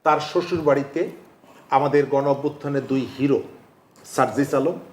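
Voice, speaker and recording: A male talk show guest making measured, pointed arguments in a political debate, using rhetorical questions. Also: medium pitch, steady tone, a little mellow, roomy sound.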